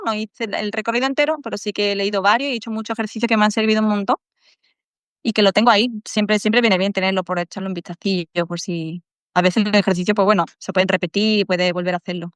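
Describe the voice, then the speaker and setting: Andalusian woman guest, smooth clear voice, dry close sound, earnest and reflective. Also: mid-range voice, dry recording. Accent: Andalusian Spanish. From Málaga, Spain. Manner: earnest, reflective, acts out inner dialogue in soft voices. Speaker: podcast guest. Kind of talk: casual interview chat.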